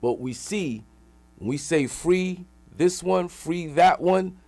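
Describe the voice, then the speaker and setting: Animated yet slow, a middle-aged man's high-pitched, darkish voice carries his stories as a guest on a radio interview. He's a rapper and activist, and his storytelling is emphatic, streetwise, and full of slang.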